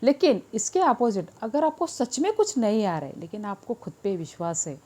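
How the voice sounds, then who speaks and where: A woman's voice: fairly high pitch, animated, moderate pace, dark tone. A woman teacher, reading a story to children and explaining each line. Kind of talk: bilingual story lesson for children.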